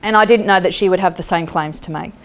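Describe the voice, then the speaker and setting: Lively Australian woman telling a story. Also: on the low side, fast. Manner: lively, acts out voices and laughs at her own jokes. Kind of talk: live storytelling talk. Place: stage before an audience.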